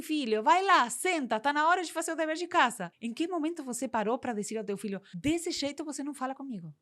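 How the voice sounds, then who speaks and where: A woman delivers a parenting lesson in a fairly high voice. She speaks firmly and emphatically and presses her points with rhetorical questions. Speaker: parenting educator. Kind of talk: direct-to-camera parenting lesson.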